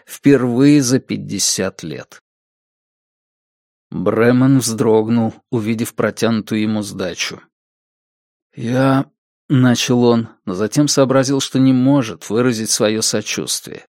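Guy reading a novel aloud, steady and measured, dead dry booth sound. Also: mid-range voice, no room sound. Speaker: audiobook narrator. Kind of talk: scripted narration.

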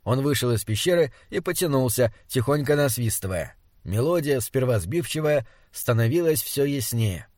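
A man narrating an audiobook in a measured, descriptive way. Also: mid-range voice, expressive, a little mellow, dry recording, studio quality.

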